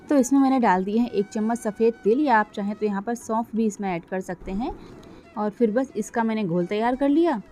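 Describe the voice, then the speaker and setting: Middle-aged woman talking thru her cooking vlog, warm mellow voice, soft music behind. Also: fairly high pitch. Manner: chatty, explains step by step, often addresses viewers. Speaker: cooking vlogger. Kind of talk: casual voice-over cooking vlog.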